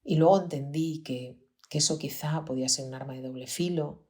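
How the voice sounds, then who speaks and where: A woman's voice: deep voice, a little fast, darkish tone. A woman with a Spanish accent from Spain, hosting a podcast and reflectively telling a personal story, often dropping to a near-whisper. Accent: Peninsular Spanish. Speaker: podcast host, pediatrician.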